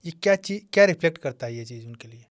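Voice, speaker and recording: An interview host fires off quick, short questions at a brisk pace. The voice sits at a middle pitch. The recording is close and dry. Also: animated, no room sound. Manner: brief questions and listening murmurs.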